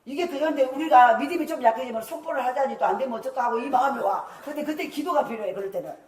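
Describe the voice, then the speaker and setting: A woman's voice: high-pitched, quick pace, a little mellow. Emphatic woman pastor preaching in an echoey hall. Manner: emphatic, laughing often, acts out quoted prayers. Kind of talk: revival sermon. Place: church sanctuary. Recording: echoey church hall, mic far off.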